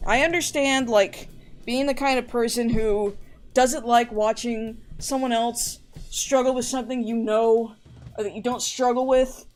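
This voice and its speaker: A woman's voice: fairly high pitch, steady tone, a little slow, soft background music. A woman streamer chatting casually to her live audience, rambling and going off on tangents. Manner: rambling, chatty, often restarts and trails off.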